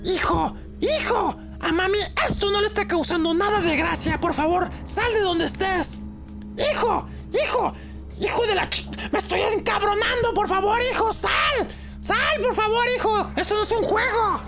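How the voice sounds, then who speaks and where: A woman's voice: very high-pitched, moderate pace. A woman voicing a strict mother, pleading and scolding in a raised voice. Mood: exasperated. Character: strict, exasperated mother losing her temper. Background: music.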